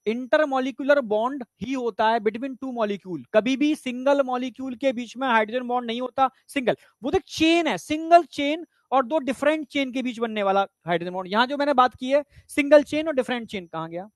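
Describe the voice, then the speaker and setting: A man lectures for a biology exam in a brisk, very high voice with few pauses, recorded on a lapel mic with studio quality and no room sound. He's conversational, leans on "theek hai" again and again, and asks if students are following.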